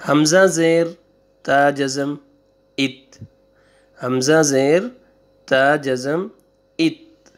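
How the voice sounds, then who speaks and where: A man with a Pakistani Urdu accent and a slightly high voice teaches Quran reading. He stretches each syllable slowly and patiently, then rattles off short explanations in between. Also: steady tone. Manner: slow, drawn-out drilling of syllables with quick asides. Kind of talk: online recitation lesson.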